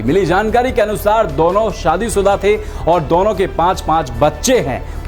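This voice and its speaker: A man reading a scripted news bulletin in a formal, steady anchor style, recorded as a studio voice-over. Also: high voice. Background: faint background music.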